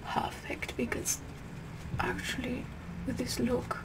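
A woman playing a vain, bossy Tudor queen in a slow, breathy whispered ASMR makeup role-play. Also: high voice, monotone, exaggerated voice, low-quality recording. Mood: smug, sassy. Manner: slow, haughty, deliberate, repeating phrases.

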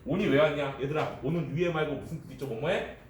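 A man who teaches high school English gives a lively classroom lecture, joking and talking straight to the students. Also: brisk, background noise. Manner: lively, jokey, addresses students directly. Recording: echoey classroom from far off.

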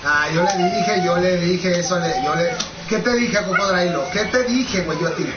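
A man's voice: high voice, moderate pace. A young man from Mexico, teasing and ribbing his friends in crude, rowdy casual banter, firing off the same question again and again. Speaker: streamer commentating a fighting game match. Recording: roomy, dull sound with clear background noise.

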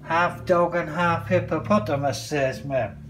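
A man's voice: on the high side, measured pace, a bit bright, a little hiss or hum. A man talking casually in a home vlog outdoors by a pool, chatting to the camera and calling out to his dogs. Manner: chatty, swears mildly, calls out to dogs. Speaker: vlogger.

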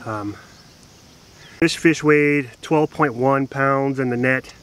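A man in his thirties hosting a fishing vlog, talking earnestly and casually to viewers with many filler pauses. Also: medium pitch, fairly bright tone. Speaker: fishing channel host. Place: outdoors at a riverbank.

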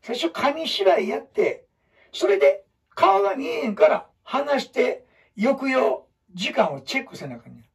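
Kansai man teaching storytelling, lively swooping delivery, husky voice, recorded from a distance. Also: unhurried. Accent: Kansai (Osaka). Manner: animated, emphatic, shifts between loud bursts and low asides. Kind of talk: lecture to students.

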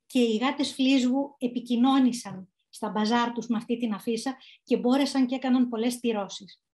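A woman's voice: a little high, darkish tone. A woman children's author telling anecdotes about her book, chatty with small hesitations.

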